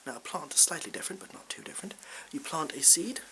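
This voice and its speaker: A man playing a bumbling, self-important supply science teacher in a whispered role-play, hesitant and rambling, with deadpan asides. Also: fairly high pitch, fast talker. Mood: patronising. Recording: hissy background noise.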